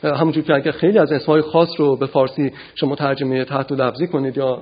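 A man giving an academic philosophy lecture, measured and often pausing to gather his thoughts. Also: mid-range voice, flat delivery, muffled recording, slight background noise. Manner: measured, frequent hesitations.

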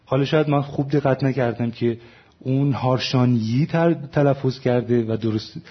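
Husky man explaining at length. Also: mid-range voice, highs cut off. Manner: explanatory, frequent self-corrections and fillers. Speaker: translator. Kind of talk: academic panel discussion.

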